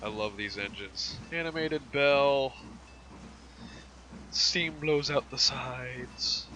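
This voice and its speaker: A man giving casual game commentary, rambling and thinking aloud, with train engines rumbling behind him. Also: slow pace. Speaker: gamer showing a train simulator. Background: loud train simulator engine noise.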